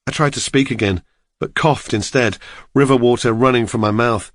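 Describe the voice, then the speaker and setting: A man narrates an audiobook in the first person with a steady, measured delivery. His voice sits in a middle range. The recording is close and dry. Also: medium pitch, dry recording.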